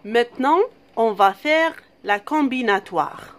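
A woman teacher giving a slow, patient phonics lesson, drawing out each syllable. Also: a little high, expressive.

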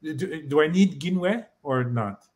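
A man's voice: a little high, lively intonation, takes it slowly, darkish tone. A man in a casual language lesson, taking the learner's part. He tries out new sentences with some hesitation and keeps checking with his teacher through questions.

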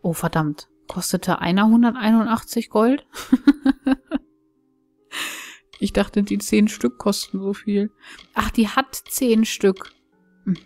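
A woman's voice: mid-range voice, a little slow, faint music behind. A woman giving chatty, enthusiastic commentary while playing a video game and thinking aloud. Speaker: let's play host. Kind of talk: casual gameplay commentary.

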